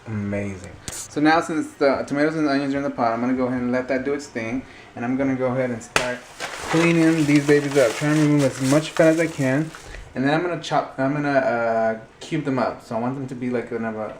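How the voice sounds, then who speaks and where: A man's voice: medium pitch, poor audio. A man giving a casual, chatty cooking tutorial, talking viewers through each step informally. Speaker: home cook presenting a recipe. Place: indoor kitchen at the stove. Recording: clear sizzling kitchen noise. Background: frying, sizzling and stirring.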